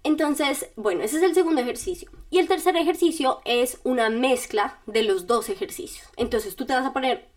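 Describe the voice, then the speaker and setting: Her voice is high and her pace moderate, with hardly any pauses. The podcast host shares casual self-help steps directly with the listener, keeping an informal, chatty tone and laughing a little.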